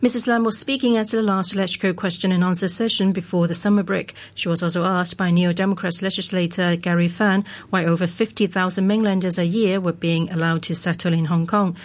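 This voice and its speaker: A woman's voice: lowish voice, steady tone, fairly quick, hardly any pauses. A woman presenting the news on radio, reading from a script.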